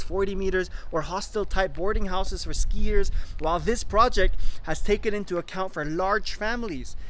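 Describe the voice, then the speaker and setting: A man's voice: fairly bright tone, a little hiss or hum. A young man hosting a property vlog, speaking persuasively to a phone held at arm's length outdoors at a sunny mountain resort. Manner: upbeat and persuasive, pitching to investors. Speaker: real estate investor and vlog host. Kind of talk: enthusiastic sales vlog to camera. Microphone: phone held at arm's length, selfie video.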